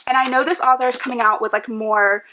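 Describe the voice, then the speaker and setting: A young woman talks through her reading list at home in a bright, forward voice that sits a little high. Her talk is casual and gushing, peppered with "like" and quick asides. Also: steady tone, slight background noise. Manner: chatty, gushing, lots of "like" fillers. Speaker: book vlogger. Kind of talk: casual book chat to camera. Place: home room with book cart.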